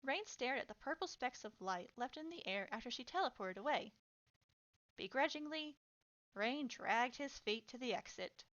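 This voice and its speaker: Woman narrator reading fanfiction, slightly high, bright voice, lo-fi recording. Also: normal speed. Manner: steady storytelling narration. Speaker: fanfiction reader.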